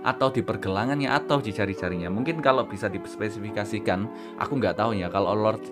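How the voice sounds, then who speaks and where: A man's voice: fairly low pitch, fast, over music. A man from Indonesia casually commenting and explaining to viewers as a streamer, chatty and addressing them like friends. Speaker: VTuber host of an educational reaction stream.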